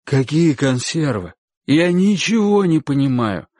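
A man's voice: on the high side, sing-song, unhurried, a little mellow, no echo. A frightened, flustered stout man in middle age, voiced by a male storyteller, pleading in a shaky, bewildered way. The recording is dry and close, with no room around it.

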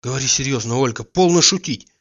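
A man doing a fretful anxious gentleman. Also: medium pitch, fast talker, close to an everyday voice. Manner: worried, impatient. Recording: dull lo-fi recording.

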